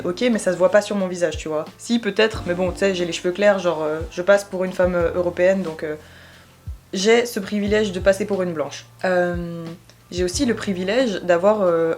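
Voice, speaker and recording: A young woman from Switzerland, explaining her views in a casual vlog, pausing often with fillers. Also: lowish voice, darkish tone. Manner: thoughtful, hesitant, many fillers. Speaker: YouTuber.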